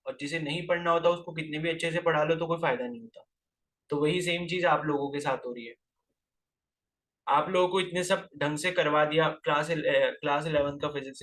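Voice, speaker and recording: High, bright-voiced male physics teacher. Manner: scolding students with rhetorical questions. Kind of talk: classroom lecture.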